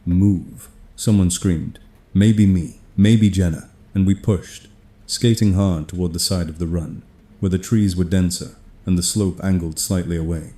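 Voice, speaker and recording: A man telling a first-person horror story in a steady, grim, measured way. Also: low voice. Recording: echoey room.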